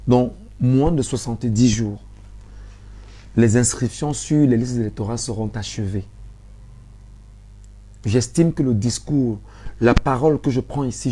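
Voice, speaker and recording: A man with a Cameroonian French accent hosting a live stream, speaking softly but insistently, repeating phrases as he pleads with viewers. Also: medium pitch, husky. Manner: mostly soft-spoken, swelling to urgency.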